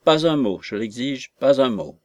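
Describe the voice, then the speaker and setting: A man reading the part of a modest, generous young gentleman speaking firmly and earnestly. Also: medium pitch, expressive, moderate pace, dry recording, clean studio sound, natural voice. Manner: firm, earnest.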